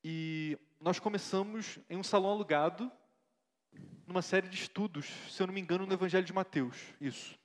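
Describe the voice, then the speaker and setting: In a staged church-theatre interview, a man plays an earnest young missionary pastor with a fairly high voice, reflectively and devotedly recalling his mission. He keeps checking in with his listener through frequent tag questions. He speaks a little fast and acts lightly, his voice ringing with the long reverb of a church hall.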